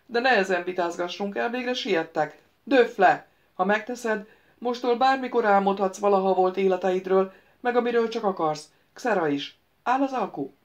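A woman's voice: medium pitch, dull audio, lightly acted. A wheedling ghost wizard, as a woman reads him. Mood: bargaining. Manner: wheedling, pleading and bargaining. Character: pleading ghostly male wizard, petulant and scheming.

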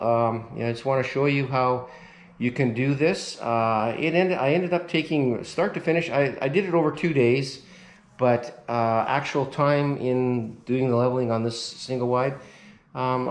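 A man in his fifties giving a relaxed, rambling how-to walkthrough, full of fillers, filmed on a handheld camera inside an empty mobile home. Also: medium pitch. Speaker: renovation vlogger. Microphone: action camera held at arm's length. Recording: echoey bare room.

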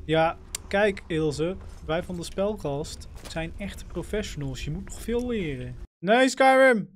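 A man giving playful, excitable let's-play commentary, talking to his in-game companion. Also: sits high, slow, slight background noise. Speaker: gaming channel host.

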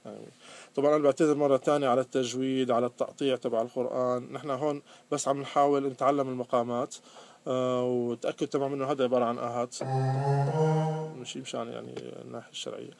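A man teaching a music lesson. He sings note names and chants verses slowly, then explains in casual speech. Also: medium pitch, flat delivery, vocal fry, a little mellow. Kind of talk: music lesson with sung scales and recitation.

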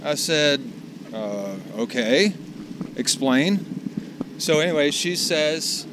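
A man talks loosely and at length from behind the wheel, his voice sitting a little higher than most men's. He rambles from one thing to the next with a salty edge. Faint road noise hums under him. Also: expressive, takes it slowly. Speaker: delivery driver vlogger. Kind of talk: casual chat while driving. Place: in a car.

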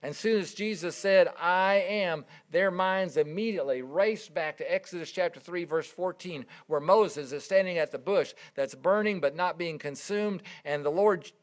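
Middle-aged male preacher, a bit higher-pitched than most, earnest, builds to emphasis and then drops quiet. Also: normal speed, few pauses. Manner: earnest, emphatic, storytelling with rising and dropping volume. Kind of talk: sermon.

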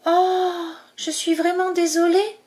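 A woman's voice: very high-pitched, level tone, slow, darkish tone, voice pushed up. A woman voicing a polite, apologetic female rabbit in a storybook reading. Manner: apologetic, fussy.

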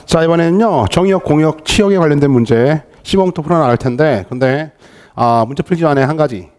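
A man teaching a math lesson online, lively and coaxing, often checking whether students follow and mixing polite and casual speech. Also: on the high side, a little fast.

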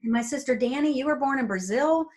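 A woman in her forties from New Jersey, a guest telling lively family stories over a video call from her home. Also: high-pitched, quick pace. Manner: animated storyteller who acts out quoted family members. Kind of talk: casual faith interview.

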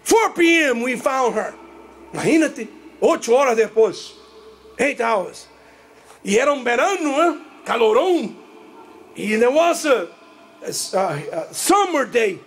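A woman preaching in church, telling a family story with lively voices for each person, and repeating herself for an interpreter. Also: fairly high pitch, slow, long pauses. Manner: animated storytelling, jumps between two languages, acts out family members. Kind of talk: sermon with live interpretation.

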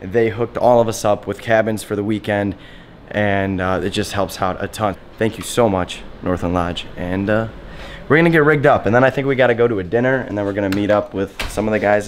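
A man with a hoarse voice from a sinus infection, chatting loosely to the camera as a fishing vlogger. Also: on the low side, fairly quick, a little hiss or hum. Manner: laid-back, rambling, many fillers. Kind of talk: casual vlog talk to camera. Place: car, then outdoors by a lake.

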